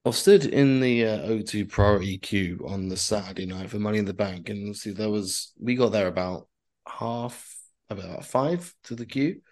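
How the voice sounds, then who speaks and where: A man's voice: on the low side, normal speed, darkish tone. A man telling a rambling story in casual podcast chat, full of fillers and swearing. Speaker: podcast co-host.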